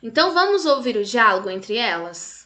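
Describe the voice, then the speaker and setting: A woman's voice: fairly high pitch, big pitch swings, normal speed, bright, forceful tone. A woman teaching English to young children in a recorded class, checking in often with short questions.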